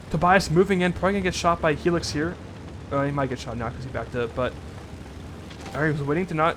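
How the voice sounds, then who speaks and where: A man's voice: on the high side, background noise. A young man giving casual, rambling play-by-play commentary on a tank game match, often correcting himself. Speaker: caster.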